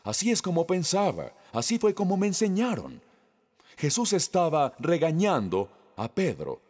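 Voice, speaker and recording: A man's voice: fairly high pitch, darkish tone, in a large hall. A man preaching a sermon, reading scripture aloud and putting questions to the congregation.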